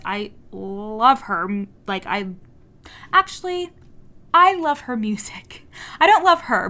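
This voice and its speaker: A young woman with a mid-range voice and a stutter hosts a casual solo coaching podcast. She's candid and animated, and she swears.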